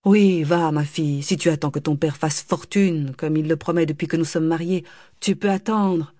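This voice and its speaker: A woman voicing an irritable, scolding mother with a sharp, nagging manner in an audiobook. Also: low voice, moderate pace, no room sound, studio quality. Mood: bitter complaining. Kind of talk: audiobook character voice.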